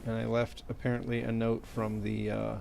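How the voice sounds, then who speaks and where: A man's voice: lowish voice, completely flat delivery, moderate pace, vocal fry, noisy background. A man giving casual, self-deprecating gameplay commentary, thinking aloud as he streams. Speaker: game live streamer.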